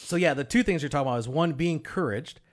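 Halting man with lots of fillers. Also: on the high side. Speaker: podcast co-host. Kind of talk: casual faith discussion.

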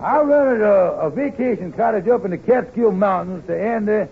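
An actor playing a wheedling, excitable small-time con man in a 1950s radio comedy, stammering as he schemes. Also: sits high, normal speed, vocal fry, breathy edge, heavily acted. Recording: tinny, noisy old radio recording.

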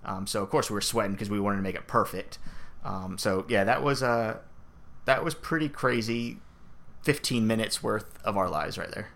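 A man co-hosting a fantasy football podcast in casual chat, upbeat and quick to laugh, with many "uh"s and "um"s. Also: on the low side, gravelly, fairly bright tone. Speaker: podcast co-host.

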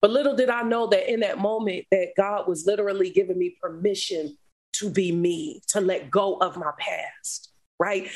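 A woman guest speaker telling her life story in an interview, animated, laughing often, moving between loud and hushed. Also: medium pitch. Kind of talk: emotional storytelling.

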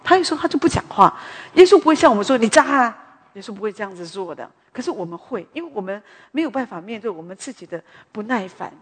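Husky-voiced woman preaching in a hall. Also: medium pitch, quick pace. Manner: chatty, animated storyteller with frequent asides. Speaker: preacher at a women's morning prayer meeting. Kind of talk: conversational sermon with storytelling. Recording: long hall reverb.

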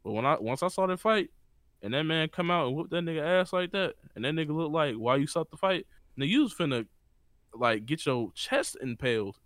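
Animated young man, dry sound. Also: fairly high pitch, fairly quick, no room sound. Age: young adult. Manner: animated, swearing, repeats words in bursts. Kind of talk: casual slangy chat.

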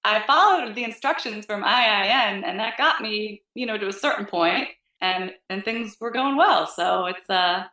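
A woman with a bright, forward voice talks casually as a guest in an interview. She tells things in an animated, informal way. The sound is a roomy, low-quality online stream. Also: normal speed, hardly any pauses. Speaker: interview guest, health coach.

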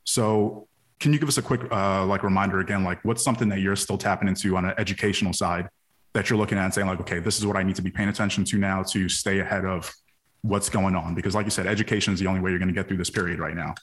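A man's voice: low-pitched, steady tone, quick pace. A man hosting a casual podcast, asking long, rambling questions in a chatty way. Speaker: podcast host.

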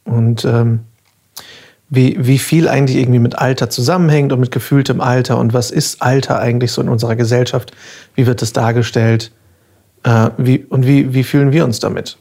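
A man in his thirties with a husky, unclear edge to his voice. He hosts a relaxed podcast and chats casually, with a playful streak of self-deprecation. His pitch sits in an ordinary middle range. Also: a little fast. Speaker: podcast host. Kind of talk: casual conversational podcast talk.

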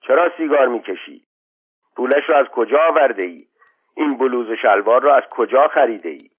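A man's voice: mid-range voice, expressive, slightly rough. A man reading the lines of an angry nomad father who fires scolding questions at his son. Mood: furious. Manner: shouting rapid scolding questions. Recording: tinny lo-fi phone-like sound.

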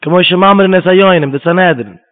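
A man's voice: sits high, fast talker. A man giving a Talmud lesson, reading Hebrew quotes and explaining them in Yiddish. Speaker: Talmud teacher. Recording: tinny phone-line sound.

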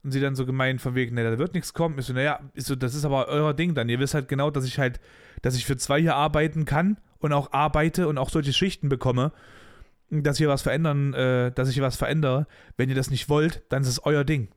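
A man's voice: mid-range voice, fairly quick. A man hosting a podcast, bluntly and animatedly telling a story from his own working life in casual, colloquial talk. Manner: blunt, animated retelling of a workplace dispute with colloquial asides. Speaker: podcast host.

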